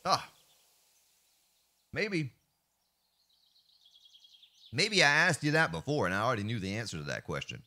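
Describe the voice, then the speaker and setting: Commentating live on a survival game, this streamer jokes with his viewers, slipping into mock voices and snatches of song in an animated, playful way. He has a medium-pitched voice, unhurried with long pauses, over a little hiss or hum.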